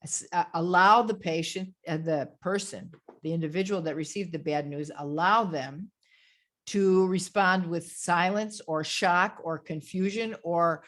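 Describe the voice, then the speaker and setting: A woman's voice: lowish voice, unhurried, a bit bright. A woman grief counselor giving a webinar lecture. She speaks directly, repeats her key phrases and often closes a point with "okay?".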